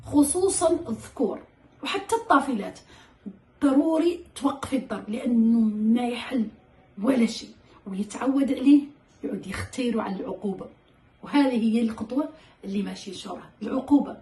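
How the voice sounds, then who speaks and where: A woman talks quickly and animatedly in a fairly high, mellow voice, acting out her lines to a child as she gives parenting advice. The sound is echoey, like a bare room. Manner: animated, addresses listener as "darling", acts out her own dialogue with the child. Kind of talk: casual advice talk to mothers.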